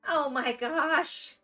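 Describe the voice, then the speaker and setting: A woman with a Florida accent live-streams a game, chatting casually with viewers and reacting to their comments in a high, pushed, bright voice.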